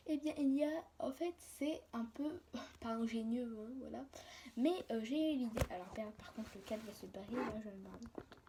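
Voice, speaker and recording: A young hobby video creator with a slightly high voice chats casually and hesitantly in a homemade vlog, rambling as she shows her toy collection. Her wording is colloquial and mildly sweary, and she frequently interrupts herself. She records on a phone, handheld or on a tripod, and background noise is clearly audible.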